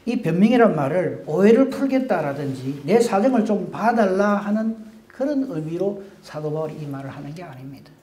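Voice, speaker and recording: A man preaching with a high, lively voice that leaps up and drops low. His tone is mellow and warm. The sound rings with the echo of a church hall. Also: fairly quick. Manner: animated, acts out quoted speech. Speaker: pastor. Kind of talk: sermon. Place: church sanctuary.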